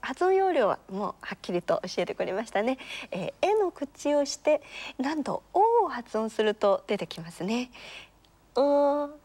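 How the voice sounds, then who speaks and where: A woman teaching a language lesson, patient and encouraging, demonstrating each sound slowly. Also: on the high side, sing-song, darkish tone. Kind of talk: explanatory lesson.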